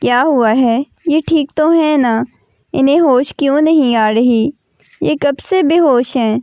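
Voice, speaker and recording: A woman's voice: sits high, darkish tone, no echo, highs cut off. A woman voicing a young new mother who keeps pleading tearfully in a storybook reading. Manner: pleading, insistent.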